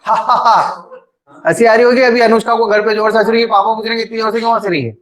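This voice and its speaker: A man's voice: sits high, steady tone, very fast. A middle-aged man teaching an online math class, chatty and joking, teasing his students by name.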